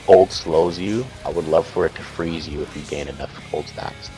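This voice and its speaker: A man's voice: extremely low pitch, moderate pace, music in the background. A man talking casually about game mechanics while playing with friends, searching for words as he explains. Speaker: gamer. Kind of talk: casual gaming chat.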